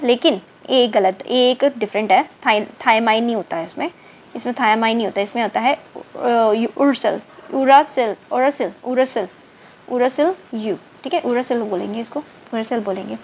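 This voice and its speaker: A woman's voice: a little high, a little slow, rough recording. A woman teaching an online chemistry class, counting aloud, spelling out words letter by letter and repeating terms, often mixing in English words and checking in with her students. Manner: mixes in English terms and checks in with "thik hai na". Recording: faint background noise.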